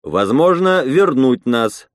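A man reading a story, voicing a male leader who gives a deliberate, measured speech. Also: mid-range voice, big pitch swings, no room sound, studio quality. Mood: grave. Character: male rebel leader Roman, grave measured orator.

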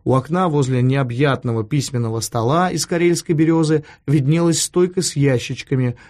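A man reading a novel aloud as an audiobook narrator, in a measured, expressive way. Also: mid-range voice. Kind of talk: scripted literary narration.

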